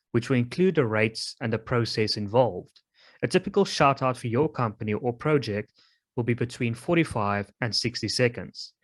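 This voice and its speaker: A man reading a scripted channel announcement in an upbeat, clear way. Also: medium pitch. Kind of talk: scripted advertisement read.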